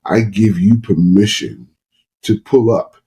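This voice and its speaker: A man's voice: lowish voice, steady tone, slow pace, mellow, breathy edge, low-quality recording. A man talking earnestly as a guest on a podcast conversation, sometimes acting out quoted voices. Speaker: guest psychologist.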